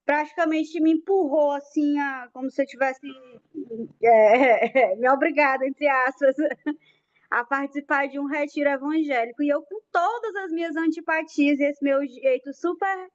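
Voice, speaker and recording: A woman's voice: high-pitched, normal speed, highs cut off. A woman in a casual group discussion, telling personal stories in a chatty, self-mocking way. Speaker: study group member.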